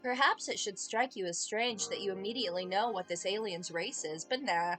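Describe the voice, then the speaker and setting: A woman's voice: mid-range voice, brisk, a bit bright, faint music behind. Woman reading game text with playful asides. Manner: playful, dry asides between narrated lines. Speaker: game streamer. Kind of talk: reading game narration aloud.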